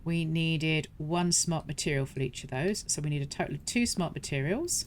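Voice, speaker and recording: Low-voiced woman narrating a game walkthrough. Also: normal speed, slight background noise. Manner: chatty, explains step by step, self-correcting. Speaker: gaming channel host.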